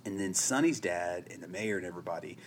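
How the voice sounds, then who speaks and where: A man's voice: deep voice, fast, a little hiss or hum. A man hosting a podcast, rambling casually through a TV episode recap with lots of "you know" and "like". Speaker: podcast host.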